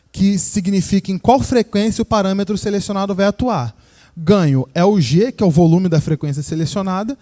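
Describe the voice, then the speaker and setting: Higher-voiced Brazilian man teaching live. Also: dark tone, no echo, clean studio sound. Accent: Brazilian Portuguese. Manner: casual and explanatory, checks in with tag questions. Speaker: sound course instructor. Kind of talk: live hands-on demonstration lesson. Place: room with a live audience and a sound system.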